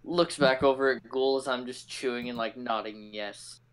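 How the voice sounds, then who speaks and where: A man's voice: mid-range voice, steady tone, moderate pace, over a noisy crowd, poor audio. A man playing a tabletop role-playing game, describing his dwarf's actions in crude banter full of swearing. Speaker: player.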